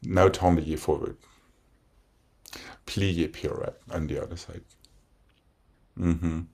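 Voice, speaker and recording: A low-voiced man with a husky grain works as a dance teacher. He counts out ballet combinations in short, rhythmic, directive phrases, naming each step in turn. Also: fairly even intonation, slow pace, darkish tone. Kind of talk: dance instruction, calling out combinations.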